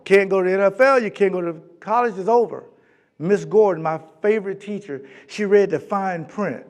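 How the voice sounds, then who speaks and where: A man telling animated stories at an event, acting out voices and laughing often. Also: high-pitched. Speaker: motivational speaker. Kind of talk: storytelling keynote. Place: event stage.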